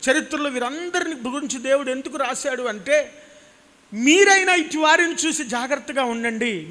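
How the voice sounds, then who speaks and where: A man's voice: extremely high pitch, pushed and bright. A man in his thirties with a Telugu accent, preaching an impassioned sermon into a handheld mic and repeating phrases for emphasis. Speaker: pastor. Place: church stage with a cross backdrop. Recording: hall reverb.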